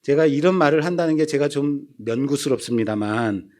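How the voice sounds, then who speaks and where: A man's voice: a little high, lively intonation, fairly quick, darkish tone. A man in his fifties, a pastor preaching a sermon, telling stories with self-deprecating humor.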